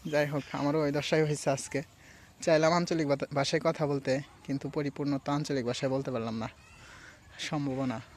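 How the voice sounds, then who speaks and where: A young male vlogger from Sirajganj, Bangladesh, chats in a relaxed, rambling way outdoors beside rice fields, his voice on the high side and a little fast. He speaks with a Sirajganj regional Bengali accent, blending local dialect with standard speech.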